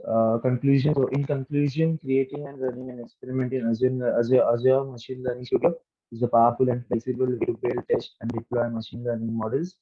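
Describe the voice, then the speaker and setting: A man's voice: mid-range voice, flat delivery, brisk, dry recording. A young man giving a hesitant, formal presentation as an intern on a video call. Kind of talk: slide presentation and software demo. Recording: dull lo-fi video-call audio.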